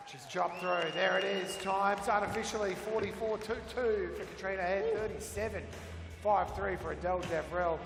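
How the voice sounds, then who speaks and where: High-voiced Australian male sports announcer. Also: steady tone, moderate pace, creaky, music in the background. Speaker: event announcer and commentator. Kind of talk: live sports commentary and announcing. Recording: echoey PA in large event venue.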